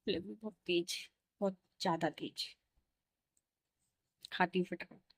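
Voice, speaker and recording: A woman talking about her day as a mother in a casual home vlog, speaking quietly and rushing through it so her baby stays asleep. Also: lowish voice, steady tone, husky, dry recording, rough recording. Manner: quick, tired chatter, soft to keep baby asleep. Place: small bedroom at home.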